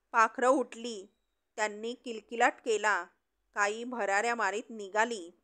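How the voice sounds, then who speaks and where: A woman narrating a dramatic story in a slow, deliberate storytelling manner. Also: on the high side, fairly bright tone.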